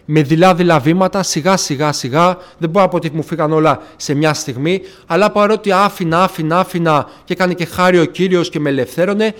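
A man's voice: on the high side, hardly any pauses. A man from Athens giving an earnest personal faith testimony to a congregation, retelling past conversations and often addressing his listeners as brothers. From Athens, Greece. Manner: earnest, retells conversations with frequent "I say, she says" asides. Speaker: church member giving testimony.

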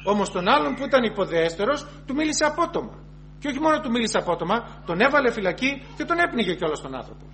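A man's voice: very high voice, very animated, fairly bright tone, a little hiss or hum. A man preaching a sermon, earnestly repeating and rephrasing his points and reading scripture aloud before explaining it.

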